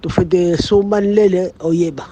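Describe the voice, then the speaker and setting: A man reading a practice passage aloud over a muffled video call. His voice is high yet mellow and husky, and he stumbles and repeats syllables as he works through the text. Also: steady tone, takes it slowly. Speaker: student.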